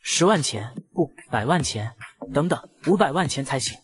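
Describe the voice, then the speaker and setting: A man's voice: a little high, lively intonation, moderate pace, husky, voice pushed down. A man voicing a greedy, hot-tempered male bandit chief with a blustering, boastful manner in a comic recap.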